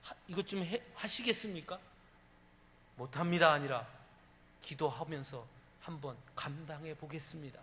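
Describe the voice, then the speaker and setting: Man, pastor, sermon, high bright voice, emphatic storytelling, church hall echo, faint room noise. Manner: emphatic storytelling with acted quotes. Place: church sanctuary.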